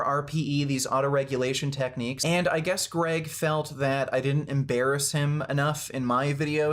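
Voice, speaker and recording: A man's voice: on the high side, fairly bright tone. A man speaking to camera in a blunt, combative commentary on a fitness dispute. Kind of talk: casual commentary video.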